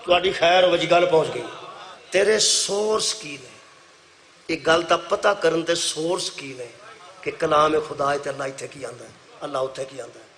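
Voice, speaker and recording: Punjabi-accented preacher guy, middle-aged, kinda high gravelly voice, loud then soft, repeats stuff. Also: fairly even intonation, a little hiss or hum. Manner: storytelling preacher, swings between loud declaiming and soft asides, repeats phrases. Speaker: Shia cleric preaching at a majlis. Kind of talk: sermon. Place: religious gathering before an audience.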